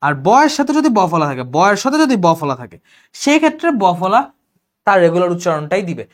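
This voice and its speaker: A young man with a Bangladeshi Bengali accent, teaching an online exam-prep lecture, briskly explaining rules and answering imagined student questions. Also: sits high, very animated. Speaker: exam tutor.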